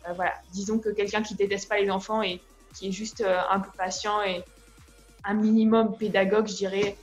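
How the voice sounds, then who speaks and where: A woman's voice: medium pitch, fairly quick, muffled recording. Young woman chatting casually, faint music. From France. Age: young adult. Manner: relaxed, hesitant, many fillers. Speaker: guest, au pair. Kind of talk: casual interview.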